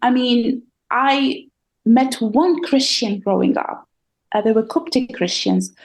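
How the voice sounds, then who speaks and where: A woman's voice: a little high, darkish tone, rough recording. Earnest Arabic-speaking woman telling her testimony. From Palestinian, raised in the Gulf. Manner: earnest, reflective, with fillers. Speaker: podcast guest. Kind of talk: personal testimony interview.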